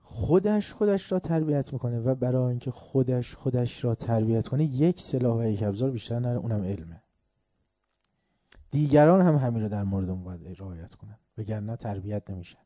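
A man lecturing on faith and upbringing in a deep, very dark and mellow voice, recorded close and dry. He hammers home lists of words, throws out rhetorical questions and slips into acted voices for his anecdotes. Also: lively intonation, dry recording. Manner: emphatic, repeats word lists, asks rhetorical questions; tells folk anecdotes, acting out the characters.

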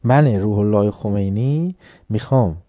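A man's voice: fairly low pitch, warm tone, no echo, clean studio sound. A man giving an informal religious lecture in colloquial speech, teaching by asking rhetorical questions and answering them himself.

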